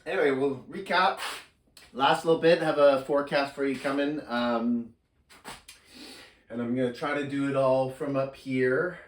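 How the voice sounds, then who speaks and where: A man's voice: medium pitch, moderate pace. Stuffed-up man giving a casual weather recap. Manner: relaxed, rambling, drowsy. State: stuffed up with a cold. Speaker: local weather forecaster. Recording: roomy echo, distant from the mic, faint noise.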